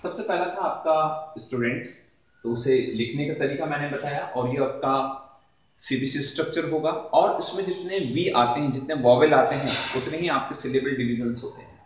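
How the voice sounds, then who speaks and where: Guy teaching a class, drags words out slow to drill them, fairly high voice, super echoey room. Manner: slow, drawn-out word pronunciation drills. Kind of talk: classroom-style lesson explanation.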